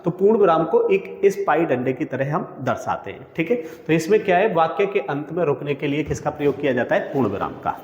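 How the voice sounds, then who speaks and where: Guy teaching exam prep, kinda high voice, keeps asking then answering himself, echoey room. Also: very animated, a little fast, hardly any pauses. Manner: calls listeners friends and brother. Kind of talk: exam coaching lesson. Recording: echoey room with long reverb.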